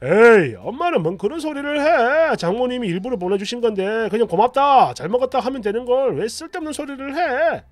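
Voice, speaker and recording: A man voicing an angry, defensive young husband who shouts indignantly in a storytelling reading. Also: very high voice, animated, quick pace, hardly any pauses, dry recording, soft background music, pitched above the performer's own voice.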